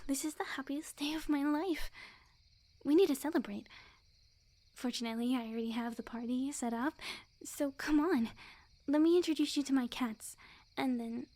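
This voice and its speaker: Here the same lovesick, clingy young witch, played by a woman for ASMR, sounds giddy and excited. Her pitch is fairly high yet soft and mellow, often breathy and almost whispered, as she delivers coy, earnest devotion up close. She keeps a moderate pace with frequent pauses and only light acting.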